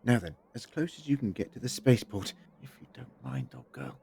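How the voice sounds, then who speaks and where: A man's voice: mid-range voice, sing-song, fairly quick, vocal fry, darkish tone, husky, heavily acted. A man playing a wry, eccentric alien adventurer in an audio drama, with a theatrical, wordy delivery. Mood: wry, playful. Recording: noisy mix with effects and ambience.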